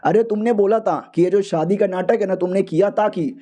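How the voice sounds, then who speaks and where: A man's voice: high voice, fairly quick, mellow, close to an everyday voice. A man doing a cocky, teasing young hero.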